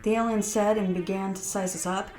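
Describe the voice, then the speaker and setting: A woman's voice: medium pitch, steady tone, brisk, darkish tone, roomy sound, soft background music. A woman narrating a scary holiday story in a dramatic, earnest reading. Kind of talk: scripted horror story narration.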